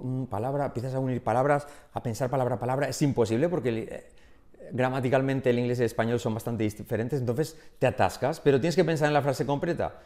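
A man from Spain with a Spain Spanish accent, an English pronunciation teacher giving an energetic online lesson and drilling example phrases aloud. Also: mid-range voice.

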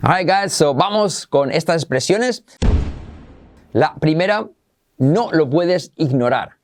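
A man teaching English pronunciation in a bilingual lesson, upbeat, drilling phrases slowly and repeating them. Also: a little high, expressive, soft background music.

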